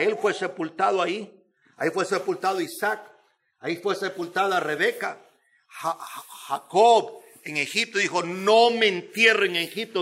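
A man with a strikingly high, somewhat bright voice preaches a sermon with emphasis. He restates phrases, building each point through repetition and rhetorical questions.

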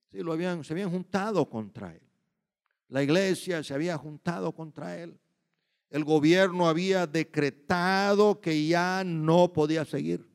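A man preaching a sermon in emphatic bursts, often repeating himself and checking with listeners. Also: a little high. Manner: emphatic, shifts between loud and quiet. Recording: long hall reverb.

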